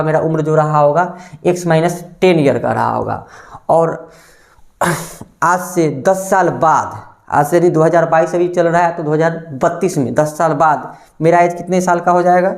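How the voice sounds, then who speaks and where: A man with a slightly high voice teaches a maths lesson aimed at exam preparation, addressing his listeners as friends. He poses a question to the class, then answers it himself and repeats the answer.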